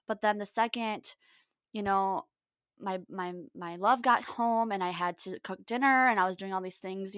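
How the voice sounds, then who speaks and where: A woman chats on a podcast in an animated storytelling way, acting out the lines of the people in her stories. Her voice sits at a middle pitch for a woman. The sound is close and dry, with no room echo. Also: clear, resonant tone. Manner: lively storytelling, acts out quoted lines. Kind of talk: casual podcast chat.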